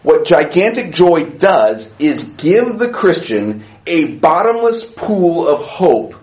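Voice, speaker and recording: A man preaching a sermon as pastor, passionate, swinging between soft asides and rising emphasis. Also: on the high side, very animated, takes it slowly, reverberant, highs cut off.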